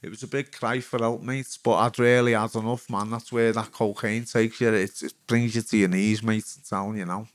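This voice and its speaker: A man's voice: fairly low pitch, little pitch movement. Blunt, swearing Scouse man. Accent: Liverpool Scouse. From England. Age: middle-aged. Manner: blunt, heavy swearing, halting restarts. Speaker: interviewee, former footballer. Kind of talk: candid personal storytelling.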